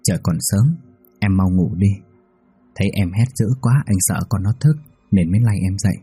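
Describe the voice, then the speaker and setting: A man voicing a caring young husband who speaks gently to his wife. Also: sits low, moderate pace, husky, no room sound, soft background music. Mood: soothing. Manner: urgent then soothing.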